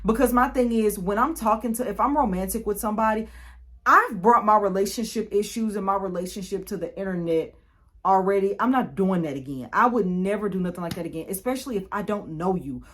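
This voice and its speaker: A young woman, telling a storytime vlog in a chatty, animated way, often repeating and restarting. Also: medium pitch, brisk. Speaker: YouTuber.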